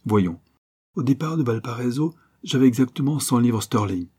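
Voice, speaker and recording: A man's voice: mid-range voice, animated, normal speed, mellow, slightly rough, voice pushed up. A man reading aloud and voicing an anxious mother hiding with fellow refugees in an adventure story. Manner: fretful.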